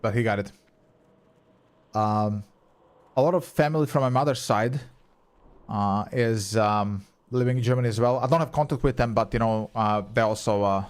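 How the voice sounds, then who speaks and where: In a fairly low, smooth voice at a moderate pace, a young streamer whose first language is Croatian chats casually with viewers. He reads and answers chat as he plays, swearing here and there.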